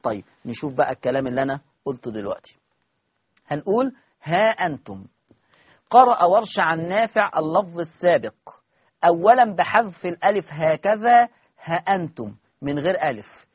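Egyptian male recitation teacher, husky and a touch high, methodical, asks the class questions, demonstrates slowly. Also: very animated, no echo, highs cut off. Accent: Egyptian Arabic. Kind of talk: recitation lesson.

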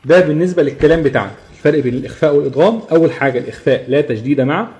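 A man with an Egyptian Arabic accent teaching a live tajweed lesson, explaining rules step by step, checking in with his students and slowly chanting the examples. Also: on the high side, lively intonation, darkish tone, lo-fi sound. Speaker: Quran recitation teacher.

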